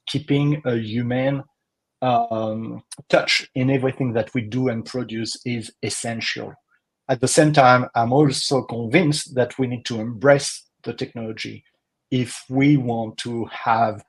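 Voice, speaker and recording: Male webinar host, husky voice, earnest and filler-heavy delivery, medium pitch. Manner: earnest, frequent uh fillers, slight non-native phrasing. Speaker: webinar co-host, marketing consultant. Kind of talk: live webinar presentation.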